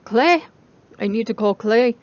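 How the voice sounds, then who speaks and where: A woman's voice: fairly high pitch, normal speed, lightly acted. A jumpy, determined young woman student as a female narrator reads her in a dramatic audiobook. The recording is slightly dull and lo-fi. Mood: urgent. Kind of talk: dramatic audiobook character dialogue.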